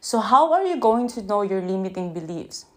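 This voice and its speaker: A woman with a Filipino accent hosting an unscripted podcast into her phone, gently guiding breathing and then talking in a halting way with many restarts. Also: mid-range voice, very animated. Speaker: podcast host.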